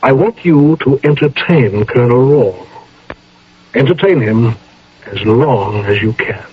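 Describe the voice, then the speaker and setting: An actor playing a stern, commanding American general in a radio drama, speaking with formal authority and a husky voice. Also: male voice, medium pitch, lively intonation, unhurried, slight background noise, natural voice. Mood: firm, measured. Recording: dull old radio broadcast recording.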